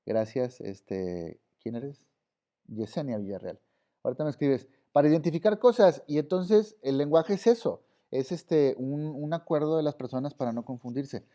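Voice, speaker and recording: A man's voice: mid-range voice, dark tone. A man with a Mexican accent teaching an online class in a casual way, full of fillers. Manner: casual, many fillers like "este". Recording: slightly dull audio.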